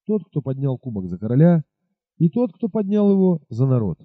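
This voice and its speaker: A man's voice: on the high side, normal speed, dry recording. A man narrating an adventure novel expressively as an audiobook reader. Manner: expressive storytelling. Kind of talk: scripted narration. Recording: dull lo-fi recording.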